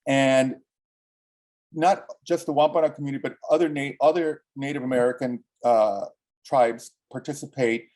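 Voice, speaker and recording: A man from Cuba, a filmmaker answering interview questions in an earnest, halting way with many restarts. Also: mid-range voice, warm tone.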